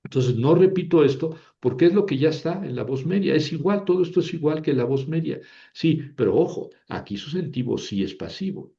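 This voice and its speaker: Male language teacher, mellow tone, unhurried patient delivery, repeats each form. Muffled lo-fi recording. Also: fairly high pitch, expressive, vocal fry. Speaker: Ancient Greek teacher. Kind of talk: recorded grammar lesson.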